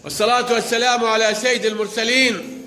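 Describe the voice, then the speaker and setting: A man's voice: very high voice, fairly even intonation, fast talker, sharp tone. A man teaching a primary school class, quizzing pupils by name and drawing out words as he reads them. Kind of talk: classroom lesson.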